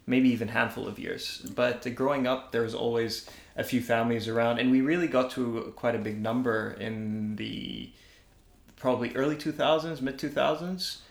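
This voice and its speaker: A man from Dubai, a guest in a casual interview, speaking haltingly with many pauses and restarts. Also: medium pitch, steady tone, creaky, roomy sound.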